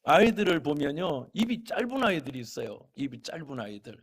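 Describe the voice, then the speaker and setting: A middle-aged man preaching a church sermon, telling folksy stories and swinging between loud calls to the congregation and quiet, chatty asides. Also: a little high, big pitch swings, a little fast, husky. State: a little unwell. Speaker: pastor.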